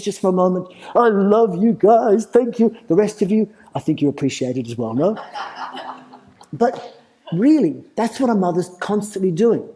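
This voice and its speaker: A man's voice: high-pitched, warm tone, poor audio. An Australian man giving a playful live talk at a festival, putting questions to the audience. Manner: engaging, asks the crowd questions, playful. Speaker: festival presenter.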